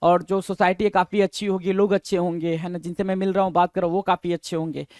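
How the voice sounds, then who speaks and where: High-voiced man teaching vocabulary. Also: flat delivery, a little mellow, no room sound. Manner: quizzes students with repeated questions, spells words letter by letter; reads English definitions slowly, then explains in Hindi. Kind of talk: exam-prep vocabulary lesson.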